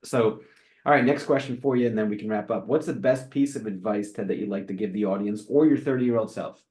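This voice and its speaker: A man hosting an interview show, asking questions and wrapping up briskly. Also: lowish voice, darkish tone. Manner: brisk, brief affirmations. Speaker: show host.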